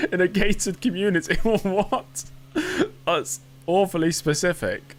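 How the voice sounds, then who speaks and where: A young British man takes his time in a high, expressive voice as he talks through a racing game on stream. He chats casually with his viewers and makes fun of himself along the way.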